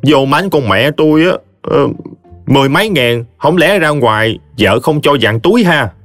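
A man's voice: on the high side, expressive, normal speed, no room sound, faint music behind, pitched above the performer's own voice. A man voicing a brash, blustering young husband from a village, ranting. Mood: joking. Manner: loud, ranting, complaining.

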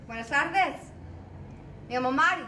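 A woman plays a young police chief with a high voice and a stammering, urgent way of talking. She sounds distant, in a very echoey space with noise behind her. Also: lively intonation, normal speed, bright, forceful tone. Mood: friendly. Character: young woman, new police chief, frightened yet defiant.

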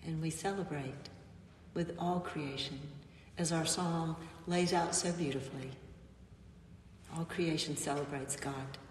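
A woman pastor giving a gentle, reflective sermon with frequent pauses, recorded in a church sanctuary from a distant mic. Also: sits low, fairly even intonation, a little hiss or hum. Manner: gentle, reflective, pausing often. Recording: echoey church, mic far off.

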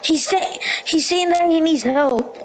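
A woman's voice: very high-pitched, a little slow, noisy background. A woman in a western game roleplay who rambles, packing her lines with "like". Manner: rambling, leans heavily on "like". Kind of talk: in-character game roleplay chat.

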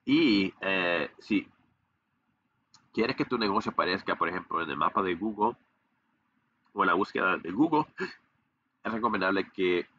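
A young man who owns a digital marketing agency speaks at a normal speed in a low, slightly rough voice that is pushed and bright, with lively intonation and frequent pauses. The lo-fi recording is of his casual screen-share tutorial, packed with fillers and restarts, captured indoors by a webcam sitting in the corner of the screen recording.

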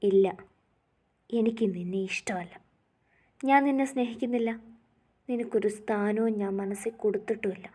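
A woman's voice: a little high, steady tone, moderate pace, long pauses, mellow, husky. A woman voicing a stern young man who curtly rejects his fiancée in a storybook reading. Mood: cold. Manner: curt, dismissive. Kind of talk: storybook narration.

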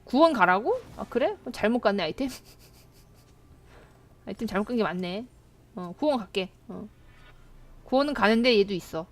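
A young woman streaming a game live, chatting with her teammates, excitable, and given to shrieks and laughter when startled. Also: medium pitch, normal speed, pauses often. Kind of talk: live gameplay commentary.

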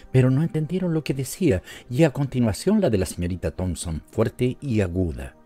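A man with a Latin American Spanish accent narrating an audiobook story in a measured, even way. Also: mid-range voice. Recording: soft music underneath.

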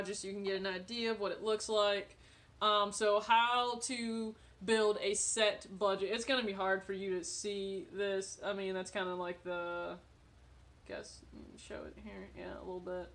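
A vlogger in her late twenties chats to camera from her living room, friendly and talkative, laughing often and using plenty of fillers. Her voice is medium-pitched with a sharp tone.

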